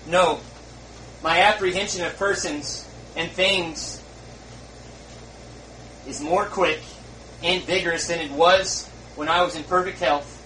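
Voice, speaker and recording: A man's voice: sits high, pushed and bright, a little hiss or hum. A man voicing a dying, despairing man who rues his unbelief, in anguished rising cries. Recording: roomy, far from the mic.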